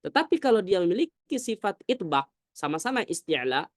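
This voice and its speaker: A male ustadz teaching tajwid in a casual, relaxed tone. He slows down to show each Arabic sound clearly. He keeps checking whether his students follow. The recording is dry, with almost no room echo. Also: high-pitched. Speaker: Quran recitation teacher. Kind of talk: tajwid lesson to a congregation.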